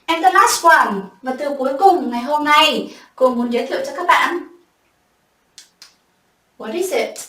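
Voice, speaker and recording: A woman English teacher giving a bilingual classroom vocabulary lesson, saying words slowly and clearly for pupils to repeat. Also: high voice, expressive, sharp tone, far from the mic. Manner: slow drawn-out repetition of words for pupils to copy. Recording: echoey room, voice from afar.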